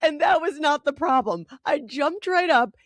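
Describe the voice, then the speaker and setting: A woman in her forties, a podcast co-host telling a story in casual chat, animated and laughing often. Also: high voice, normal speed, no room sound, clean studio sound.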